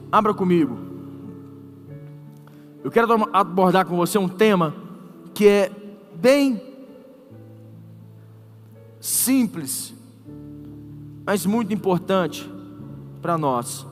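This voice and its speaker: Joking man preaching, high voice. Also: slow pace, pauses often, in a large hall, faint music behind. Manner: lively, joking, talks to the congregation. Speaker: pastor. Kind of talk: sermon with humorous storytelling. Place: church.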